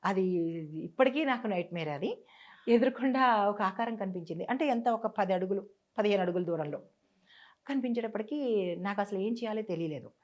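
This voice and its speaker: A woman's voice: mid-range voice, a little mellow. Earnest woman telling a personal story. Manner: earnest, halting, with restarts and repeats. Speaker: guest. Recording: dull lo-fi sound.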